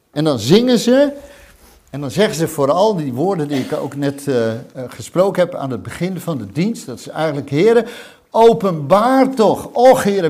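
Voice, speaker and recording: A man's voice: on the high side, a little mellow. A man preaching a sermon in an earnest, fervent way, often repeating his phrases.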